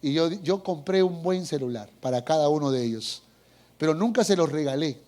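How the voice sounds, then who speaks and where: A middle-aged man preaches a sermon, with a slightly high voice. He tells stories with animation, acting out voices. He throws questions to the congregation. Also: normal speed. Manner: animated storytelling, acts out voices, asks the congregation. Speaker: pastor.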